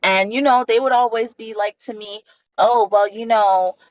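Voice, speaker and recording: A woman from Bangladesh talking in a casual livestream chat, emphatic and animated as she tells her story. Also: a little high, moderate pace. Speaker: livestream guest. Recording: dull lo-fi stream audio.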